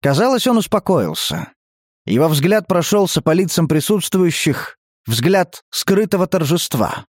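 A man narrating an audiobook in a measured, even reading voice. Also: sits high, no room sound, clean studio sound. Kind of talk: scripted narration.

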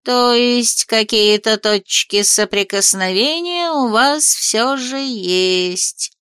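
Woman as a smug inner voice; sarcastic, gleeful, a touch higher. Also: slow pace, fairly bright tone, smooth, dry recording, clean studio sound. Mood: drawling. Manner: sarcastic, teasing.

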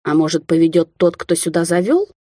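A grim, menacing young man, as a woman reads him, hissing in slow, held-back anger. The voice is dark and husky, set close and dry with no room around it. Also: fairly low pitch, lively intonation, dry recording. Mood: angry hissing.

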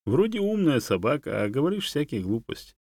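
A man's voice: medium pitch, big pitch swings, fairly quick, a little mellow, dry recording, clean studio sound, pitched above the performer's own voice. A man voicing a sarcastic, know-it-all female monkey who teases and mocks her friend. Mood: teasing. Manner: teasing, mocking.

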